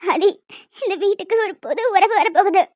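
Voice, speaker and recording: A woman voicing an emotional young wife in a cartoon story, high and childlike, breaking into sobs. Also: moderate pace, a little mellow, dry recording. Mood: tearful joy. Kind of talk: cartoon voice acting. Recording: dull lo-fi audio with faint music.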